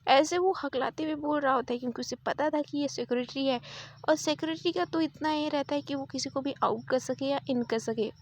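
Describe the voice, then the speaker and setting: A woman's voice: high voice, brisk, no echo. A woman retelling a love story in a chatty, casual way, full of repeated fillers.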